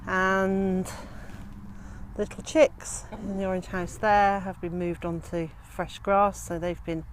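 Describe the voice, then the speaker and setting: Woman in her 50s, homestead vlogger, chatty and amused, outdoor narration, middle pitch. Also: little pitch movement, takes it slowly, slight background noise. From Wales. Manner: chatty, gently amused, talks to her chickens. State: out of breath. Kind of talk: casual vlog narration. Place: outdoors on a homestead by chicken pens.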